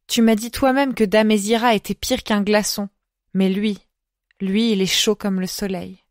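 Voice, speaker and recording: A woman's voice: medium pitch, steady tone, moderate pace, no room sound, studio quality, close to an everyday voice. A woman doing a shy young woman in love. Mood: dreamy. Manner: murmured, hesitant.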